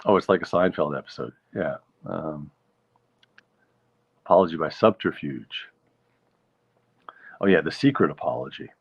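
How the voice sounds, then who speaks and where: A man's voice: very deep voice, normal speed, creaky, pauses often, husky. A man hosting a casual stream, reading viewer comments aloud and musing over them in a wry, easygoing way. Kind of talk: casual chat. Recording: dull lo-fi sound.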